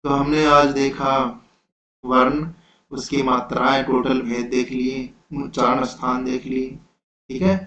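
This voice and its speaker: A man teaching an exam-prep lecture, explaining slowly and patiently, checking in with his students again and again. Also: medium pitch, level tone, sharp tone. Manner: slow, repetitive explaining with frequent "theek hai". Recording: roomy, dull lo-fi sound.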